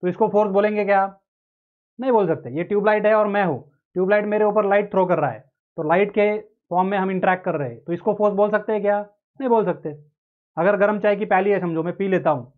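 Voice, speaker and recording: Male engineering lecturer, raised pitch, asks and answers his own questions; tinny telephone-like audio. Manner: explains with everyday examples, asks questions and answers them himself. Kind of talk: classroom lecture. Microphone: close mic. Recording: tinny narrow-band audio.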